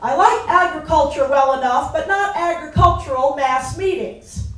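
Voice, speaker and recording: An American woman from Illinois hosts a live event, welcoming the seated audience and introducing the show. Her high-pitched, fairly bright voice moves at a normal speed with faint music behind. The echoey event hall is captured by a distant mic with faint noise.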